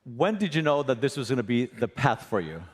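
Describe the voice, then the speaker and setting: A man's voice: medium pitch, big pitch swings, a little fast. A man moderating an onstage interview at a large forum, friendly and chatty, switching languages with ease. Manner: warm, friendly and talkative, switching languages easily. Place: stage of a large forum hall.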